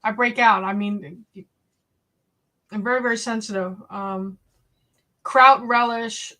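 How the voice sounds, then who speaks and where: A woman from New England hosts a relaxed live-stream chat. She talks at an unhurried, leisurely pace in a mid-range voice, answering viewer comments and reading recipe lists aloud. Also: mid-range voice. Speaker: homestead channel host.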